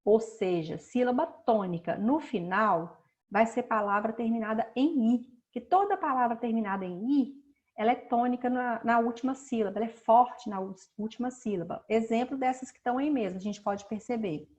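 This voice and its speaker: A woman teaching a recorded class in a patient, explanatory way. Her voice sits a little high. She stretches words out slowly so pupils hear which syllable is stressed. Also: a little mellow. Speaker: schoolteacher. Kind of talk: recorded remote class lesson.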